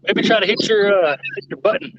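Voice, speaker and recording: Older male fishing host, relaxed and chuckling, slightly high voice, muffled stream audio. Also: fairly quick, noisy background. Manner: laid-back, laughs often. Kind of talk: casual livestream chat. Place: outdoors by a river, on a boat.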